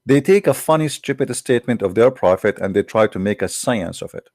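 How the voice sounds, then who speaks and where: Sarcastic man, low gravelly voice. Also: expressive, a little fast, a little mellow, dry recording, studio quality. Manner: sarcastic, mocking. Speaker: online show host. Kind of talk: livestream commentary.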